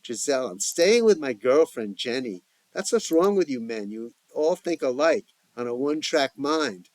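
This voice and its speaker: A man's voice: mid-range voice, expressive, moderate pace, a little mellow, no room sound, natural voice. A man voicing a fed-up, exasperated middle-aged mother in a family audio story. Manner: exasperated, complaining.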